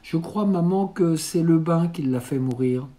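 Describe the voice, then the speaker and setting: A man reading aloud, voicing a lively, headstrong young girl in a raised, eager tone. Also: on the high side, measured pace, pitched above the performer's own voice, natural voice. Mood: worried.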